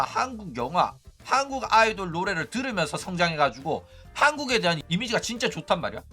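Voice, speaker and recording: A man hosting a casual livestream commentary, talking in an animated, chatty way with mocking asides. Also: high voice. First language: Korean. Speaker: streamer and commentary host.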